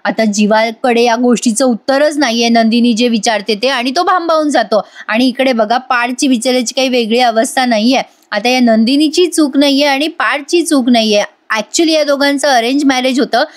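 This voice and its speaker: A woman giving a chatty, sympathetic voice-over recap of a TV serial episode. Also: high voice. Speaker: TV serial reviewer.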